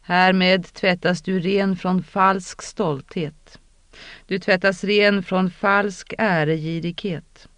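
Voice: medium pitch, steady tone, fairly bright tone, no echo, lightly acted. A narrator intoning a solemn ritual priestess. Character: solemn woman priestess performing a rite.

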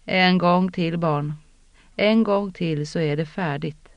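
A narrator voicing a calm, stern older woman mentor who speaks low and measured, in an audiobook reading on a dull, lo-fi recording. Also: no echo, natural voice. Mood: hushed.

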